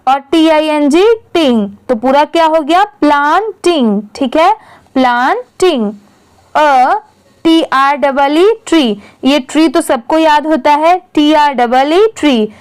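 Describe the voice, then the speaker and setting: A woman teaching English reading, spelling each word letter by letter and then sounding it out, patiently explaining in Hindi. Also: high voice. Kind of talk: online reading lesson.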